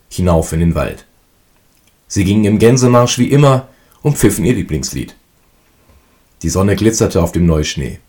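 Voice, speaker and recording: A man with a very low voice reads an old fairy tale aloud. His delivery is calm and even, steady storytelling throughout. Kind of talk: storybook reading.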